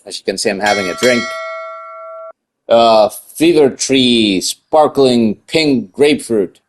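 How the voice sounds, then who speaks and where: A man's voice: mid-range voice, slow pace. A man in his thirties hosting his own channel, chatting casually and rambling with restarts. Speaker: channel host. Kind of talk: casual vlog chat.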